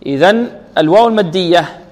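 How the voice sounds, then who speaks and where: Sheikh teaching recitation, slow and drilled. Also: male voice, high voice, expressive, a little mellow. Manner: drills pronunciation, asks and answers his own questions, chants verses slowly. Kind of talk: tajweed lesson with recited examples. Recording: radio broadcast with long reverb.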